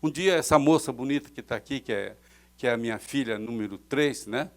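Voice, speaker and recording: A middle-aged man with a Brazilian accent, a pastor preaching a fervent sermon in church, swelling loud and dropping soft. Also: medium pitch, brisk. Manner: fervent preaching with sudden swells and drops in loudness.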